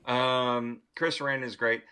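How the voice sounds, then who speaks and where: A man's voice: mid-range voice, little pitch movement, a little slow, crowd noise. A man hosting a podcast, casually and enthusiastically recounting a film's plot with plenty of swearing and laughter in his retelling. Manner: enthusiastic, profane, retells scenes. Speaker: podcast host. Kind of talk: casual movie review chat.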